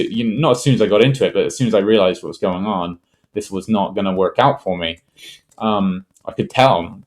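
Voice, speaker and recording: A man talking casually through a chart trade review, thinking aloud with many fillers and restarts. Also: lowish voice. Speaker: trading educator. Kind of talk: casual screen-share trade walkthrough.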